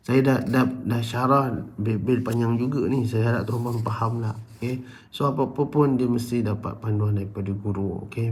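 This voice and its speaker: A man with a Malaysian Malay accent teaching a tajwid lesson, explaining slowly and breaking into drawn-out, louder chanted recitation of examples. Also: mid-range voice. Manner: addresses listeners as "tuan-tuan", checks with "okey?".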